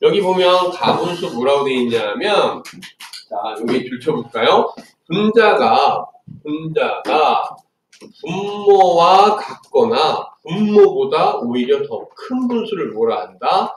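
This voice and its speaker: A man's voice: on the high side, sing-song, slow. A man teaching math to children, telling playful stories and asking lots of questions. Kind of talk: classroom lesson for children. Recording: echoey room, distant mic, faint noise.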